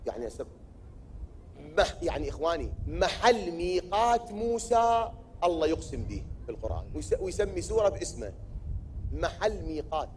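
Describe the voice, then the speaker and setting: Iraqi guy preaching, high voice, asks and answers his own questions, gets loud and emphatic. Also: sing-song, brisk. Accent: Iraqi Arabic. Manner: poses rhetorical questions and answers them himself; builds to loud emphatic declaiming. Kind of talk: religious sermon.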